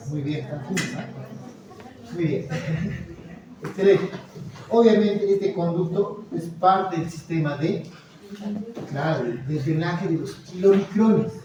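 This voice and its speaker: A man's voice: fairly high pitch, slow, long pauses, lo-fi sound, background noise. Man quizzing students in an echoey hall. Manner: quizzing, encouraging, frequent "muy bien" and "¿ya?". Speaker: anatomy lecturer. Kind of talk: classroom lecture with questions to students. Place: lecture classroom. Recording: echoey lecture hall, mic far off, students audible. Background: students murmuring and answering.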